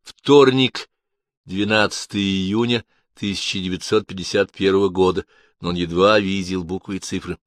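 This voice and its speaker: A man narrating a detective novel audiobook in an even, measured reading. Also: sits low, no echo, studio quality.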